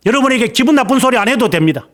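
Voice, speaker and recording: A middle-aged male pastor delivers a sermon in a high voice that rises and falls across a wide, animated range. He presses his listeners with rhetorical questions, then drops to a hushed near-whisper before rising again. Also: racing. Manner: emphatic, fires rhetorical questions at the congregation.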